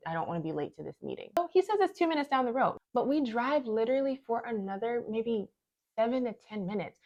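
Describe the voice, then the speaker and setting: A woman's voice: mid-range voice, highs cut off. A woman vlogger telling a personal story in an earnest, reflective storytime way. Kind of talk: storytime narration.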